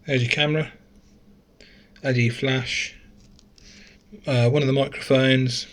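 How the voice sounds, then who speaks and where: A man with a mid-range voice talks a little slowly as he casually explains a gadget teardown, thinking aloud and revising himself mid-sentence. The reviewer's voice is captured by a camera mic at his indoor desk.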